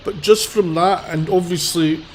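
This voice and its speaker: This man's voice is high, with fairly even intonation and a measured pace, as he gives blunt, rambling live commentary from a city street on a handheld phone. He's a livestreamer with a cold who sniffles a bit. The recording is rough, with loud traffic and vehicles behind.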